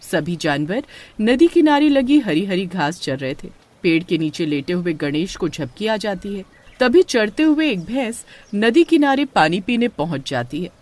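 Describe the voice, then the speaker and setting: A woman narrates a scripted horror story in an unhurried way. Her middle-pitched voice rises and falls in an animated, storytelling style.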